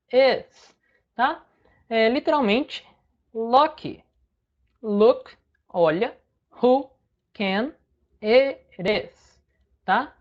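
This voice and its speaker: A Brazilian woman teaching English in an online lesson, patiently breaking each phrase into single words. Her mid-pitched voice comes through a slightly dull, lo-fi recording. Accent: Brazilian Portuguese.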